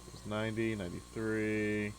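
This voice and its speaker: Young man, low voice, easygoing let's-play chatter at a desk mic. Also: level tone, normal speed, slight background noise, low-quality recording. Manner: laid-back, chatty, many filler "like"s. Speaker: gaming video host. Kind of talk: casual let's-play commentary.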